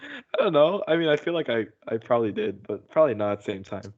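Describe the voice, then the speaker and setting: Over a muffled, dull-sounding voice call, a young podcast host jokes around with teasing slang and bursts of big, goofy guffawing laughter. He talks quickly at a medium pitch with big swings, and his tone is a little mellow.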